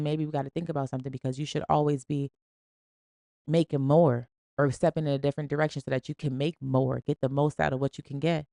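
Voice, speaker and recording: A woman's voice: low-pitched, vocal fry, mellow, clean tone, no echo, clean studio sound. A woman hosting a podcast, giving an emphatic, slangy, preachy motivational talk in a casual style. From Springfield. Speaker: podcast host.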